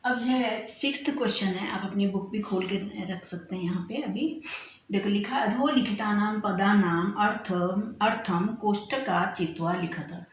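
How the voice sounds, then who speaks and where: A woman's voice: medium pitch, measured pace. A woman teacher explaining a grammar lesson patiently, often checking that students follow. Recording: very echoey room with faint noise.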